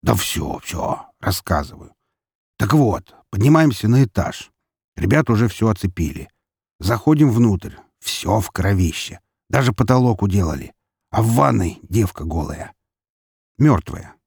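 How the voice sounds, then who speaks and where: A man voicing a brash, crude, teasing male police investigator, loud and boisterous. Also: lowish voice, sing-song, a little slow, gravelly, slightly rough, no room sound, clean studio sound, pitched above the performer's own voice, heavily acted.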